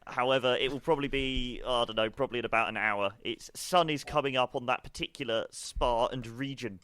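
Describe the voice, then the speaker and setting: A man's voice: medium pitch, a little fast, fairly bright tone, clear, resonant tone, dry recording. A man playing a fussy station manager in a tabletop game, rambling and laughing mid-sentence. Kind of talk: in-character role-play as a station manager.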